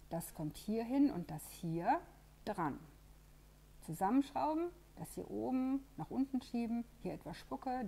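A woman voicing an eager, proud young male squirrel in a storybook read-aloud, talking in excited tinkering patter. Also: lowish voice, husky, heavily acted.

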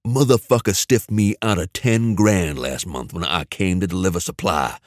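A man doing a low, calm tough ex-soldier. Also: no echo, studio quality, natural voice. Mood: cool. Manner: low, slow, calm, menacing. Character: cool, tough male ex-soldier.

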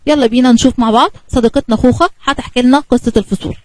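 A woman with an Egyptian Arabic accent, teaching a kindergarten lesson in a lively, coaxing way and asking the children questions. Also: on the high side, racing, rough recording.

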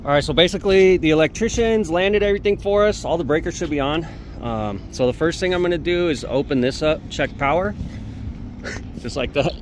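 A man's voice: fairly high pitch, expressive, fairly quick, a little hiss or hum. A man working as a refrigeration technician, explaining each step plainly as he works and swearing often, recorded on a head-mounted camera on a rooftop at night and in equipment rooms. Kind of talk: casual work narration.

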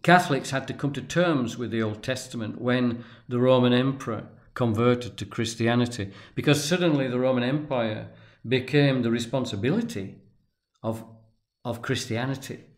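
A man lecturing at length off the cuff, speaking deliberately and pausing often, with restarts as he stresses key words. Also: mid-range voice. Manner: deliberate, halting, with restarts and emphatic pauses. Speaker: tarot and religion commentator. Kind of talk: unscripted lecture.

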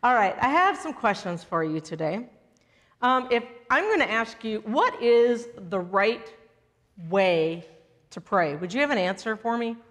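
A woman leading a children's message in a church sanctuary, gently asking the children questions. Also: mid-range voice. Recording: long church reverb.

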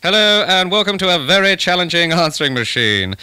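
A man playing a brisk, businesslike male quiz-show host who reads out the rules crisply. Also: sits high, big pitch swings, sharp tone, soft background music, exaggerated voice.

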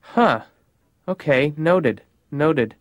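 A man's voice: on the high side, lively intonation, extremely slow, dry recording, studio quality. Rambling, eager male comedian. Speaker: comedian as patient. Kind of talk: stand-up comedy bit.

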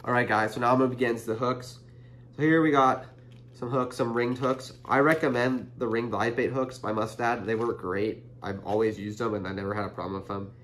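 A young man hosting a fishing channel casually explains his tackle to the camera, chatty and earnest, filling his speech with "like" and "you know." His medium-pitched, slightly bright voice is fairly quick with fairly even intonation. He's recorded on a camera mic indoors in front of a printed banner, with slight background noise.

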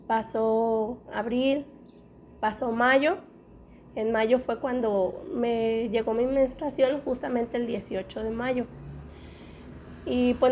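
A hoarse woman, chatting casually in a storytime vlog with lots of fillers and restarts. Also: on the high side, a little mellow, lo-fi sound, a little hiss or hum. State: hoarse from a cold. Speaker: vlogger.

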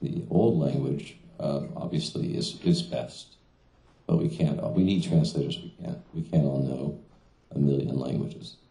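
Speaking a little slowly, this middle-aged male translator has a very deep, gravelly, warm voice. He talks casually at a small-venue reading, with lots of fillers and restarts, seated at a stand mic in a room with noticeable echo.

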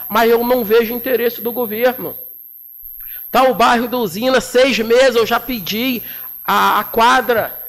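A man's voice: very high-pitched, a bit bright. A man in his forties, a city councilman from Brazil, giving a combative, indignant floor speech full of colloquial slang into a desk microphone in a council chamber. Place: municipal council chamber, indoors.

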